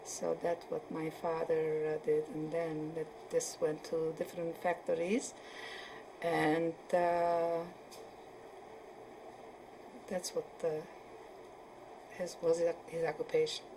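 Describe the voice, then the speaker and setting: A woman in her seventies from Poland, answering questions in an oral history interview and often pausing to search for words. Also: low voice, monotone, noisy background. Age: 70s. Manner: hesitant, searching for words with many fillers.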